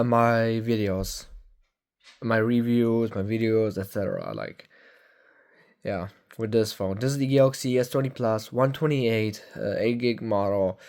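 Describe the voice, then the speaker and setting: A man's voice: mid-range voice, darkish tone, clean tone. Rambling young man reviewing phones. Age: young adult. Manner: rambling, halting, many fillers and self-corrections. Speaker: tech vlogger. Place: at home.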